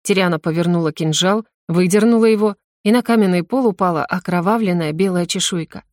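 A woman reading a first-person fantasy novel aloud in a steady, clear storytelling manner. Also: on the low side, a little fast, no room sound. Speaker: audiobook narrator.

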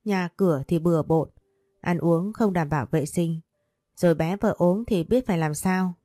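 A woman's voice: lowish voice, moderate pace, dark tone, no echo, clean studio sound, lightly acted. A woman voicing a doting, possessive older man who speaks tenderly but bossily to his young lover in a storybook reading. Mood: scolding tenderly. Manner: tender, teasing, bossy.

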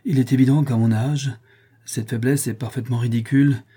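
A man voicing an aging loyal squire who fights back tears, in a gruff, steadying manner, for an audiobook. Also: mid-range voice, fairly even intonation, fairly quick, warm tone, lightly acted. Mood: resolute. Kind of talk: audiobook reading.

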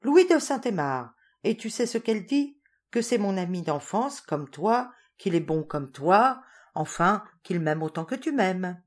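A woman's voice: medium pitch, big pitch swings, a little slow. A woman reading the part of an earnest eighteen-year-old girl in a storybook, pleading and sweet.

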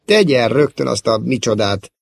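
A man's voice: mid-range voice, very animated, gravelly, dry recording, studio quality. A man voicing a young princess who talks in a scolding, imperious way. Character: young princess, commanding and sharp-tongued.

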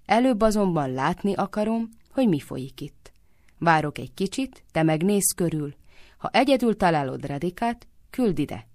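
Brief: woman voicing dim, grumbling young man, low gravelly tone, storybook. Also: expressive, a little mellow, no room sound, studio quality. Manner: complaining, slow on the uptake. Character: dim-witted young cowherd husband, grumbling.

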